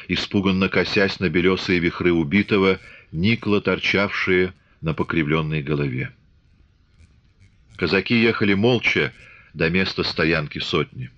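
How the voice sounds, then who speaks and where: Low-voiced male audiobook narrator. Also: no room sound, lo-fi sound. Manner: measured, even literary reading. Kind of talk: scripted narration.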